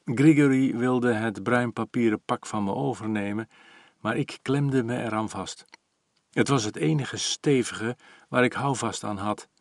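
A man in his forties calmly reading a first-person story aloud, even and reflective. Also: medium pitch, a little slow, no echo, studio quality. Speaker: audiobook narrator.

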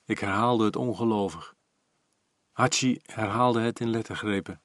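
A man in his forties calmly reading a first-person story aloud, even and reflective. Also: fairly low pitch, normal speed, dry recording, clean studio sound. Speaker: audiobook narrator.

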